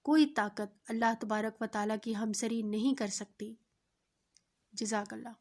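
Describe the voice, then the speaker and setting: A woman narrating a moral bedtime story in a measured, preaching tone. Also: fairly high pitch, fairly even intonation, darkish tone.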